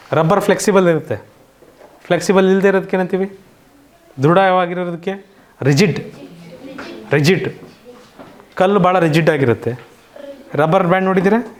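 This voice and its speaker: A woman's voice: on the low side, slight background noise. A woman teacher with a Kannada accent, drilling English word pairs in an online coaching class, asking questions and answering them herself.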